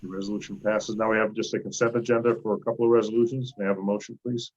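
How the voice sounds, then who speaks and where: A man, the town supervisor, chairing a virtual board meeting. He is brisk with procedure and fills his explanations with ums and uhs. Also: fairly low pitch, little pitch movement, darkish tone, muffled recording. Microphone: video call.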